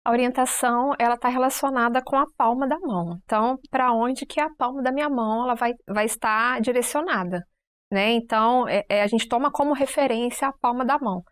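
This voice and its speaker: A woman co-presenting on a church program, explaining calmly and methodically. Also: fairly high pitch, brisk. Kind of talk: casual panel chat.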